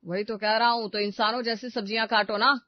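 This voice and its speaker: A woman's voice: on the high side, fairly even intonation, fairly quick, no room sound, close to an everyday voice. A woman voicing a defensive young husband. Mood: arguing. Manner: defensive, placating and exasperated. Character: young husband caught between wife and mother. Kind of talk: animated family story voice acting. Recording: dry, slightly dull studio recording.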